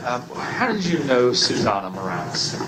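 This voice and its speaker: A man questioning a witness as an attorney, in a halting, folksy, courteous and conversational way. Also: medium pitch, very animated. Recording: roomy, distant, noisy courtroom pickup.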